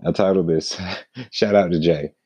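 A man with a very deep, husky voice hosts a casual gaming podcast, blunt and profane and quick to mock himself. The sound is dry and close, with a dull, muffled tone. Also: dark tone, dry recording. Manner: blunt, profane, self-mocking. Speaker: podcast host.

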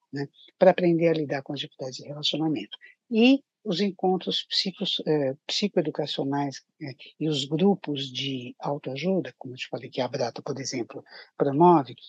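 A woman with a Brazilian accent explaining things as a psychiatrist guest, halting and restating her phrases. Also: deep voice, husky, dry recording. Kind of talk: explanatory interview talk. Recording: dull, muffled lo-fi audio.

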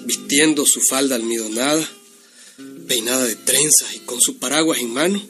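A man's voice: medium pitch, moderate pace, fairly bright tone. A man narrating a folksy comic tale as a storyteller. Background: guitar music.

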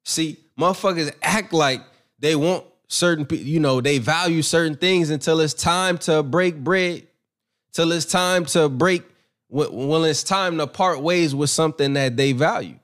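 Brash, profane man with a higher voice. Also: a little slow, fairly bright tone. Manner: brash, profane, rambling, self-assured. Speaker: boxing commentary channel host. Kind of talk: casual opinion monologue.

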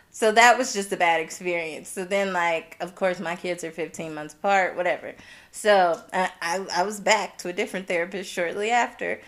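A young woman co-hosting a podcast, telling a personal story in a casual, animated way and acting out what other people said. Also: medium pitch. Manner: animated, laughing, quoting others in exaggerated voices. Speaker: podcast co-host.

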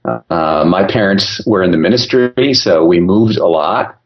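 A man's voice: sits low, muffled recording. A man who grew up in Austria and Germany, talking casually and reflectively as a podcast interview guest. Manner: reflective, loose, with many fillers and restarts. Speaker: podcast guest, travel consumer advocate.

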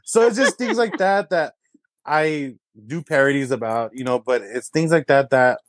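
A young man from San Antonio, telling stories in a casual chat, full of fillers and quick voices of people he mimics. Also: no room sound. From San Antonio, Texas. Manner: animated storyteller, many fillers, quick high-pitched mimicry of others. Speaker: guest, comedy creator.

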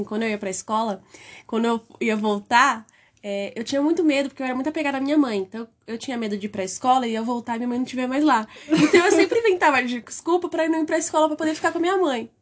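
A young woman, co-hosting a podcast and telling childhood stories with lots of laughter. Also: a little high. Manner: giggly, animated storyteller. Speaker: podcast co-host. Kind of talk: casual podcast chat.

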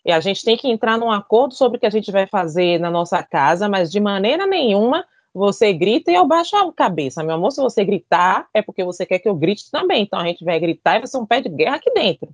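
A woman's voice: mid-range voice, big pitch swings, fast talker, hardly any pauses, no room sound. Mineira lady on a panel, outspoken and blunt, voice jumps all over the place, super dry close sound. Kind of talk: casual panel discussion.

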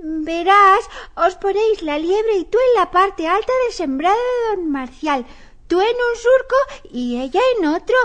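A woman's voice: very high voice, animated, a little slow, a bit bright, exaggerated voice. A woman playing a clever young hedgehog child in an old radio drama, chattering eagerly. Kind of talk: 1970s radio drama acting.

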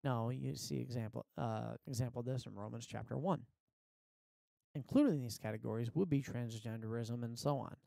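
Male preacher, gravelly and relaxed, earnest informal sermon delivery, dry close sound from a basement setup. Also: mid-range voice, normal speed, no room sound. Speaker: Bible teacher, preacher. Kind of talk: informal teaching sermon with scripture reading. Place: basement of a house.

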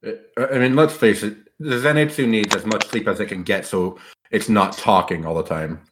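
A man's voice: fairly low pitch, normal speed, background noise. A man co-hosting a podcast, bantering casually with mock-dramatic, jokey pronouncements. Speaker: podcast co-host.

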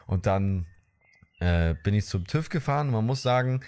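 A man's voice: lowish voice, lively intonation, moderate pace, darkish tone, clean tone. A young man in a casual podcast chat, telling a story in slang and laughing often. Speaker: podcast co-host.

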